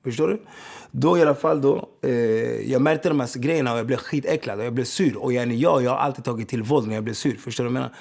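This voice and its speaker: Gravelly man telling stories. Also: medium pitch, a little mellow. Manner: streetwise, repeats "förstår du vad jag menar". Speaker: interview guest, former footballer. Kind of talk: casual storytelling.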